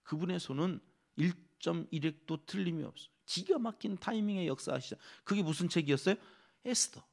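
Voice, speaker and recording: A male pastor preaching an early-morning sermon in a church. He is animated and keeps asking the congregation questions. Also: high-pitched, a little fast, vocal fry.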